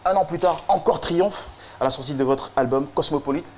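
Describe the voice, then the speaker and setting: On a TV show, a man gives a solemn, rhythmic tribute speech, driving his points home through repeated phrases. His voice sits a little high and moves fairly quickly, with a faint hiss or hum in the recording.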